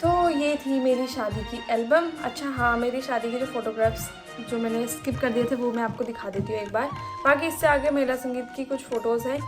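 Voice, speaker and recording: A young woman from Uttarakhand, India, rambling casually and laughing a little as she narrates her wedding photos in a vlog voice-over. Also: a little high. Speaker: vlogger. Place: voice-over, not recorded at the pictured wedding. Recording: voice with clear background music.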